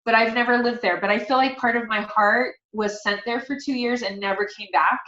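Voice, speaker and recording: This middle-aged woman, an author and speaker appearing as an interview guest, tells sincere, faith-minded personal stories in a casual conversation. Her voice is on the high side, steady, fairly quick, pushed and bright, captured in a dull, echoey recording.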